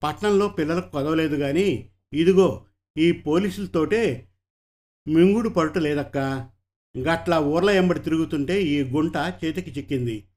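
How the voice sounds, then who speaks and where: Give me a wheedling, coarse male kidnapper, voiced by a man, voice a bit high. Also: unhurried, pauses often, a little mellow, close to an everyday voice. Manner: wheedling, coarse rustic speech. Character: sly rough male child kidnapper.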